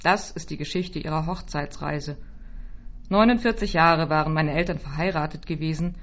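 Her voice sits low as she reads a first-person literary text quietly and with measured care, often trailing off softly. The recording has a slightly dull quality.

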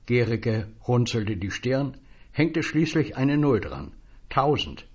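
A man reading a story aloud in an expressive, husky voice. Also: medium pitch, takes it slowly, highs cut off.

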